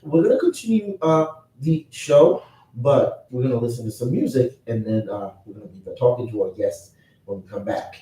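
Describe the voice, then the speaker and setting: A man hosting a radio interview, asking gentle questions and offering brief encouraging replies. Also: lively intonation, moderate pace, recorded from a distance. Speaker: radio host. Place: radio studio. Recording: echoey studio, off-mic, faint rumble.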